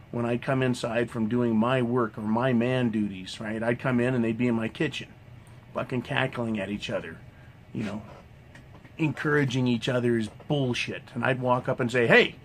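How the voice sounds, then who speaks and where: A man's voice: medium pitch, a little hiss or hum. Profane, combative man ranting. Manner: profane, combative, swears constantly; keeps tagging "right?" onto sentences. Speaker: vlogger. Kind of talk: ranting monologue.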